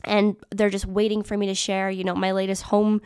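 A woman's voice: mid-range voice, monotone, fairly quick, darkish tone, clear, resonant tone, dry recording, clean studio sound. A woman hosting her own podcast, talking in an upbeat, chatty, emphatic way as a business mentor. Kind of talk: casual solo podcast talk.

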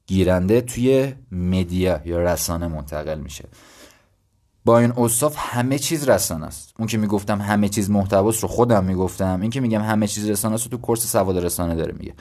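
A man's voice: low voice, darkish tone. A man in his twenties from Iran hosting his own podcast, explaining ideas in a conversational, thinking-aloud way with self-deprecating asides. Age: 20s. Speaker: podcast host. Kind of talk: casual solo podcast talk.

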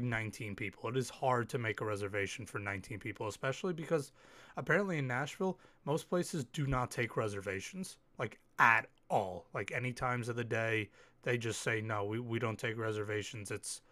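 A man hosting a casual solo podcast, telling stories in an animated way, swearing freely, a little sick with an occasional cough. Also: mid-range voice, no echo. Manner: animated storytelling, swears freely, quick asides. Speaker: podcast host.

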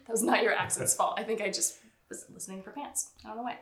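A woman's voice: mid-range voice, fast talker, fairly bright tone. A woman co-hosting a casual chat about a cartoon, bubbly and laughing often, acting out quotes from the show. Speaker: podcast co-host. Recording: echoey room.

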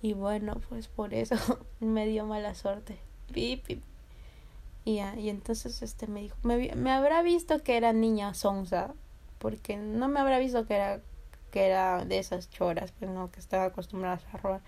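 In a casual personal anecdote, a young woman with a Peruvian Spanish accent talks at a moderate pace in a mid-range voice. The vlogger stays animated throughout, laughing, cursing, and performing the voices of others.

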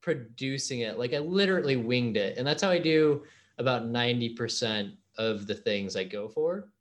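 A man's voice: mid-range voice, expressive, moderate pace. A man hosting a podcast in a casual interview chat, laid-back and slangy, laughing easily. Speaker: podcast host.

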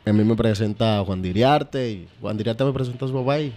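A man's voice: fairly low pitch, a little fast. Laid-back man, slangy. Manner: relaxed, laughs often, slangy barrio talk. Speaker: champeta singer guest. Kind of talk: casual podcast interview.

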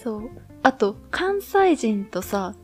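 A woman's voice: fairly high pitch, big pitch swings, takes it slowly, soft background music. A woman from Kyoto speaking in a Kansai accent and dialect, chatting casually as a podcast co-host. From Kyoto, Japan. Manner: colloquial Kansai dialect phrasing. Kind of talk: casual chat.

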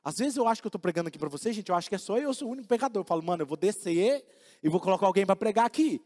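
A man's voice: high-pitched, expressive, racing, darkish tone, big-room sound. A man preaching a conversational sermon, joking and acting out little everyday dialogues for his congregation. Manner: humorous, acts out little dialogues.

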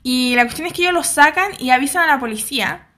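A woman's voice: sits high, fast, sharp tone. A young Chilean woman with a Chilean accent, casually retelling a drama's plot in a chatty way and acting out the characters' lines. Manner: chatty, acts out characters' lines, slangy asides.

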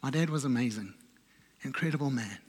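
A man preaching a sermon, telling a personal story in a reflective way and often dropping his voice low and soft. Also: a little fast, slightly rough, big-room sound. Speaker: pastor. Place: church.

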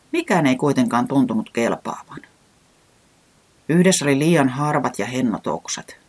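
A storyteller reading a children's storybook aloud in a calm, gentle way with a lively lilt. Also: medium pitch.

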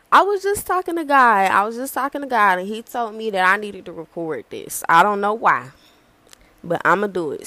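Brief: young woman, early twenties, solo podcast host, loose rambling slangy chat, mid pitch. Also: a bit bright, no room sound. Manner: rambling, candid, slangy and conversational. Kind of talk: casual solo podcast talk.

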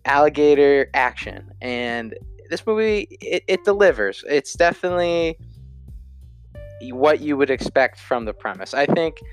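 A man's voice: on the high side, expressive, unhurried, clean tone, faint music behind. A man giving a casual spoken film review, rambling with lots of fillers and self-corrections.

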